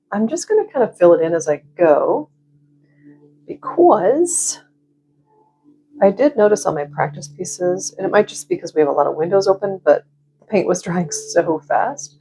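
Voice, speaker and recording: Creaky, low-voiced woman giving casual painting instruction. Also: dark tone, a little hiss or hum, low-quality recording. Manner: self-deprecating, scatterbrained, rambling. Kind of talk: casual, chatty watercolor tutorial.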